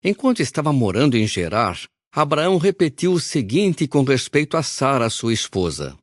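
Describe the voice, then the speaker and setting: A man reading a Bible audio recording aloud in a measured, solemn narration. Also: mid-range voice, sing-song, no echo, clean studio sound.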